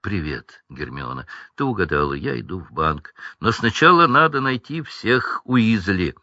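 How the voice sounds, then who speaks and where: A man reads a polite, modest young wizard schoolboy, quiet and a little lost. The voice stays low and unhurried, with a bright edge and a dull, narrow sound. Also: very animated, no echo, heavily acted.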